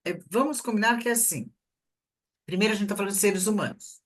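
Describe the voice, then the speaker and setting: A middle-aged woman speaks in a reflective, conversational way and often illustrates her points with examples from daily life. Her voice sits at an average pitch for a woman, and she sounds like an expert guest talking in an interview. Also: fast. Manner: reflective, explains with everyday examples. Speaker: guest expert on workplace communication.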